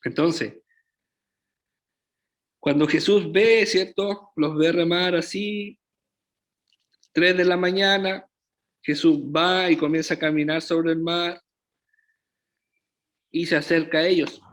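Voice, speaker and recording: Slow, deliberate preacher man. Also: fairly high pitch, steady tone, fairly bright tone. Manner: slow, deliberate preaching with frequent rhetorical check-ins to the congregation. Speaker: pastor. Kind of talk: sermon.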